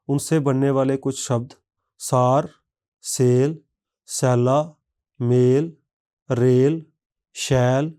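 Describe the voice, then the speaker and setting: A man reads a language lesson aloud, word by word. His voice is mellow and smooth, and he takes his time over each item. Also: medium pitch. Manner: measured, reads word lists one by one. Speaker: language teacher. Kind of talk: slow scripted lesson narration.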